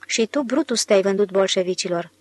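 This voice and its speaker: A man's voice: high voice, dry recording. A woman reading the part of a male hospital patient who thinks he is Caesar, lazy and threatening. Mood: declaiming.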